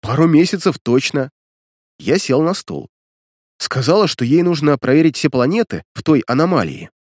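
A man calmly reading a first-person audiobook, narrating the story and the hero's lines. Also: on the high side, moderate pace, no room sound, clean studio sound.

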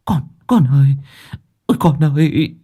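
Desperate village mother, very high, wailing and crying out, voiced by a man, ghost-story audiobook. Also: measured pace, warm tone, slightly rough.

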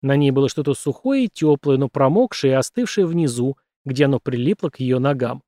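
A man's voice: mid-range voice, expressive, fairly quick, warm tone, no room sound, studio quality. A man narrating an audiobook thriller in a tense, dramatic storytelling manner.

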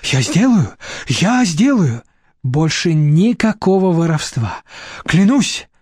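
A man's voice: fairly high pitch, sing-song, slow pace, darkish tone, husky, dry recording, studio quality, full character voice. A man doing a cringing old museum official. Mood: pleading. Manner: pleading, trembling, servile. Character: aging male museum deputy director, cowardly, fawning.

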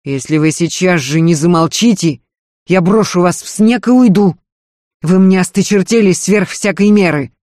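A man's voice: on the high side, moderate pace, darkish tone, no room sound, studio quality, lightly acted. Man playing a curt, scornful husband. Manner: curt and scornful, speaking through his teeth. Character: gruff, contemptuous husband, a weary nobleman.

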